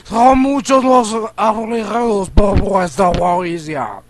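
A man's voice: sits high, slow, no echo, pitched below the performer's own voice. A man voicing a pompous, formal armored knight in a mock French accent, stiff and grandiose. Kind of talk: dramatic reading of game dialogue.

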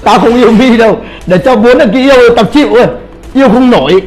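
High-voiced man swearing over a game. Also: fast talker, a little mellow, soft background music, poor audio. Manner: swears, cries out in pain during play. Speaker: gamer streamer. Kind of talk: casual gameplay commentary.

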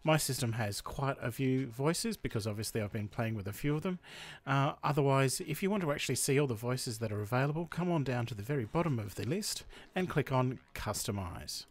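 A man from Australia hosting a software tutorial voice-over, explaining each step in a chatty way. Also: medium pitch, animated, brisk. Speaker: tutorial host. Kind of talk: screen-recording tutorial voice-over.

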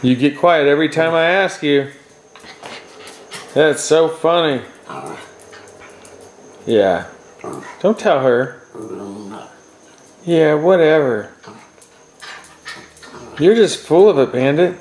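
High-voiced man teasing his dogs. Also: lively intonation, slow, pauses often, darkish tone. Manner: playful, teasing baby talk to his dogs. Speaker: vlogger and dog owner. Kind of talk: casual chat to pets on camera. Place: home, indoors. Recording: roomy echo, faint noise.

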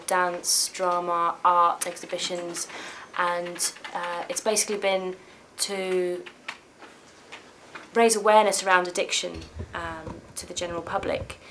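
A woman's voice: fairly low pitch, little pitch movement, a little slow, fairly bright tone, a little hiss or hum. A woman from an arts project, speaking promotionally in a studio vox pop interview. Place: indoor studio with dark backdrop.

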